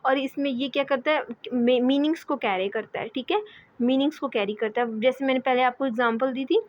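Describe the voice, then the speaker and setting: A woman giving a lecture as a teacher, often checking in with "okay" and pausing with fillers. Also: sits high. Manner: repeats "ठीक है", hesitant fillers. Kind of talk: explaining lecture. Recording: dull lo-fi audio.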